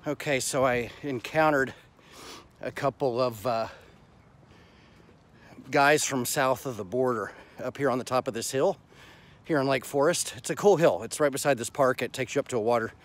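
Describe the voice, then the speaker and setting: A middle-aged man chatting casually and bluntly to his phone camera while out walking, with salty everyday language. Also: medium pitch. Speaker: vlogger. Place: outdoors on suburban sidewalks and park paths. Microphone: phone at arm's length, wired earphones worn. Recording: noisy outdoor phone recording with traffic.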